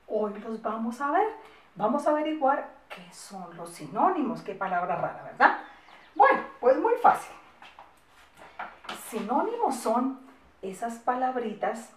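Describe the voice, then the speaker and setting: A woman's voice: medium pitch, far from the mic. A woman, a primary school teacher giving a recorded class to young children, dictating patiently with coaxing questions and many diminutives. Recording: echoey room, mic set back.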